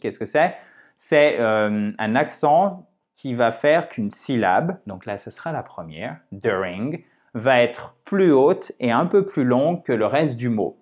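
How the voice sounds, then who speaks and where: A man with French as his first language explaining English grammar in a video lesson, patiently and clearly, often checking in with his viewers. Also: on the high side, darkish tone. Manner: slows down to spell out English examples. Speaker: English teacher.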